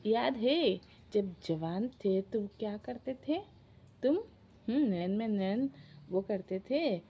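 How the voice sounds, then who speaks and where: A woman's voice: mid-range voice, dark tone, a little hiss or hum, natural voice. A woman voicing a feisty, scolding old grandmother who complains indignantly.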